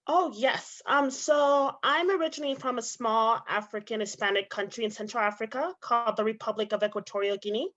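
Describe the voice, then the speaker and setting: A woman's voice: a little high, brisk, few pauses, a bit bright. Chatty young woman, lo-fi audio. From Spain. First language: Spanish. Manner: chatty, many fillers like um and like. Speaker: interview guest, actress and author. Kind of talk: casual interview answers. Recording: dull lo-fi audio.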